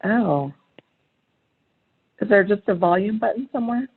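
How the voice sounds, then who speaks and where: A woman's voice: medium pitch, expressive, a little slow, breathy edge. A woman joining a meeting by phone, heard through a phone line on speakerphone, plainly and patiently checking whether she can be heard. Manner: plain, patient, repeating sound-check questions. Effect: heard over a phone line. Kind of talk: casual audio check.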